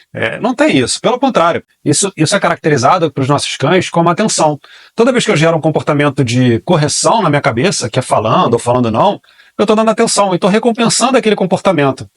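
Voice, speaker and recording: Man, Brazilian accent, dog trainer, brisk, dry room, question-and-answer explaining. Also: fairly high pitch, no echo. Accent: Brazilian Portuguese. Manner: explanatory, repeats key phrases, asks and answers own questions. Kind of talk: online training class.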